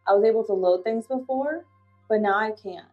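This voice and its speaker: A woman investigating the paranormal for a vlog, politely and gently putting questions to spirits. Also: mid-range voice, fairly quick, highs cut off, soft background music.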